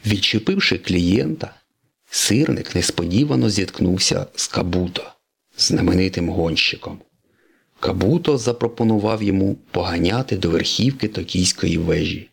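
A man's voice: deep voice, moderate pace, vocal fry, husky. A man reading a children's storybook aloud, narrating expressively.

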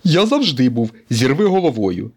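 A man voicing a boastful male tow truck daredevil in a storybook reading, in a high squealing voice with brash exclamations. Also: big pitch swings, normal speed, slightly rough. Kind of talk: storybook character voice.

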